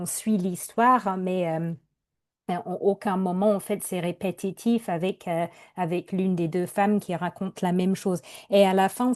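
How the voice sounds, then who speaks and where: Mellow-voiced woman novelist, halting answers. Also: fairly low pitch, dry recording, studio quality. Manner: hesitant, many fillers and restarts. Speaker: novelist guest. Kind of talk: casual interview answers.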